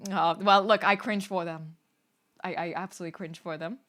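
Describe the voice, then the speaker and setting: A woman's voice: fairly low pitch, fairly even intonation, brisk, a bit bright. A woman VTuber streamer chatting casually on a live stream, rambling, swearing and breaking into laughter often.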